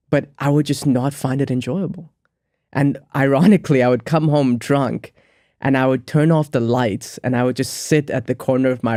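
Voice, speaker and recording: A man's voice: mid-range voice, dark tone, no room sound, clean studio sound. A man, a monk and spiritual teacher, telling his life story as an interview guest in a reflective, earnest way with frequent ums and restarts. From grew up in the United States.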